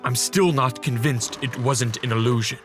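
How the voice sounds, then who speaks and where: An actor playing Dracula, an earnest, commanding vampire leader, in a serialized radio drama with grave, measured speech. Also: male voice, medium pitch, steady tone, natural voice. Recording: loud music bed behind voice.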